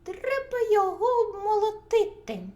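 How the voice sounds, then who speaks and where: Woman squeaking as lazy little storybook mice. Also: big pitch swings, measured pace, warm tone, full character voice. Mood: squeaky, demanding. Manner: squeaky, shrill. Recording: roomy recording, faint hum.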